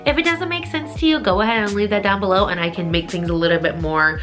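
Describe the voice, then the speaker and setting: Soft music plays under the book reviewer as she talks fast in a medium, fairly bright voice. Her vlog delivery is informal and effusive, full of emphatic repeats.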